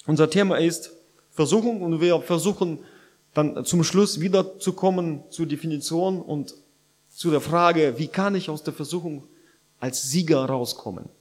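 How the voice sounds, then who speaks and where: A man preaching a sermon in a conversational way, full of fillers and restarts, with slightly unidiomatic grammar and bursts of loudness. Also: on the high side, moderate pace. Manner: conversational preaching with many fillers and restarts, growing loud at points.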